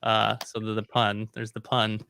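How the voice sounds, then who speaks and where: A man's voice: lowish voice, monotone, normal speed, gravelly, sharp tone, slight background noise. A man hosting a casual live stream over a video call, rambling with many ums and restarts. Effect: video call audio. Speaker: host.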